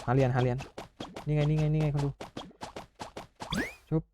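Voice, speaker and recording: A man giving excited commentary on a mobile party game, often calling out and exclaiming. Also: fairly high pitch, moderate pace, highs cut off, noisy background. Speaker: gaming YouTuber. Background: game music.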